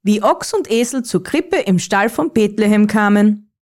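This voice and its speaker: A woman calmly reading a children's Christmas story aloud as narrator. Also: medium pitch, normal speed.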